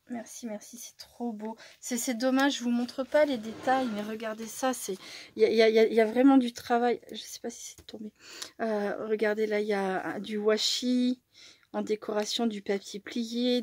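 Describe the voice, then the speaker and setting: A French-speaking woman chatting casually as she opens her mail, easily delighted, laughing often and sometimes dropping to a soft whisper. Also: on the high side. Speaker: crafting channel host. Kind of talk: casual chat while opening mail.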